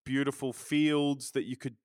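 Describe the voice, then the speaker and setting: Guy hosting a podcast, keeps stumbling over words, smooth clear voice, dry sound. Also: medium pitch, little pitch movement, unhurried, dry recording. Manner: stammering, repeats words often. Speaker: podcast host. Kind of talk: casual interview chat.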